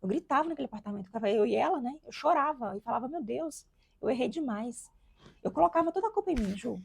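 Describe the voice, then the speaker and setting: A woman's voice: on the high side, expressive, rapid-fire, creaky, slightly rough, no room sound. A woman from Minas Gerais, Brazil, telling her own life story as an interview guest, heartfelt and re-enacting what she once said. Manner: heartfelt, reenacts her own past words. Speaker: guest entrepreneur and mother. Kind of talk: emotional personal testimony.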